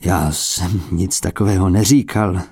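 Man reading a courteous collector, earnest and gently flattering, in a storybook reading. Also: sits low, husky, dry recording, studio quality, voice pushed down. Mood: earnest, coaxing. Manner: polite, earnest, coaxing. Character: courteous male art collector pleading with abbot.

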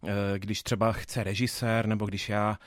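Young man, flat thoughtful speech, dry sound. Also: fairly low pitch, no room sound. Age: 20s. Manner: thoughtful, hesitant with many fillers and restarts. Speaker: theatre dramaturg. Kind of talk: interview answers.

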